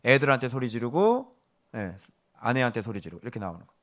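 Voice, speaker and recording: A middle-aged male pastor delivering a sermon, scolding and quizzing his listeners, jumping from loud emphasis down to hushed whispers. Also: mid-range voice, very animated, quick pace. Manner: scolding, asks the congregation questions.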